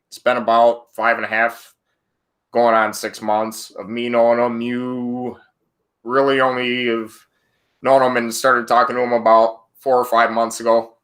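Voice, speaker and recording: A man's voice: mid-range voice, fairly bright tone. Rambling friendly podcast host man. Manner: rambling, friendly, self-correcting. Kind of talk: casual chat.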